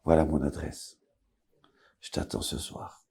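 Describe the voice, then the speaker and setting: A man's voice: very deep voice, little pitch movement, unhurried, creaky, husky, pitched below the performer's own voice, heavily acted. A man voicing a pleading, desperate old father. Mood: gentle coaxing. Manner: pleading, gentle. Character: older father, a doctor, desperate and tender.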